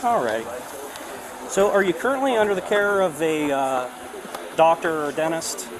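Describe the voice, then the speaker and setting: A man's voice: fairly high pitch, lively intonation, moderate pace. A male police officer heard as body cam audio at a roadside stop, giving procedural questions and instructions and often checking that he is understood. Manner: procedural, checks understanding with "okay?" and "all right?". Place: outdoors at a roadside traffic stop. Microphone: body-worn camera. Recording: noisy body camera audio, outdoor vehicle hum.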